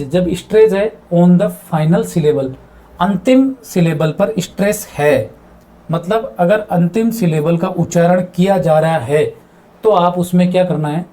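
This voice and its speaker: High-pitched man teaching English grammar. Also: mellow. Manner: repeats words and asks himself questions; mixes English terms into his explanations. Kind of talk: explaining grammar in a video lesson.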